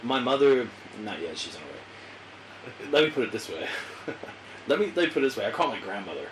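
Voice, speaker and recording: A man hosting a podcast in casual chat, telling stories in a wry, profane, animated way. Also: mid-range voice, quick pace, a little hiss or hum, low-quality recording. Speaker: podcast host.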